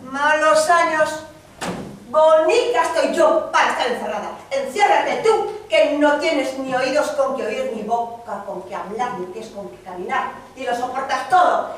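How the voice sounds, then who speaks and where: A woman acting a shrill furious wife. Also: sing-song, normal speed. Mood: scornful. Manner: loud, indignant, mocking. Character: fiery shrill wife demanding freedom from her husband. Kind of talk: amateur stage acting. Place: community centre stage. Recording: echoey stage from far off, noisy.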